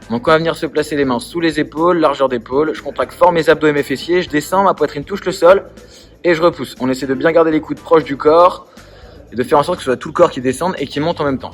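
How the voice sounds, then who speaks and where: Guy walking you thru exercises step by step, calm, a bit high-pitched, faint music. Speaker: CrossFit coach. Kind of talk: workout instruction.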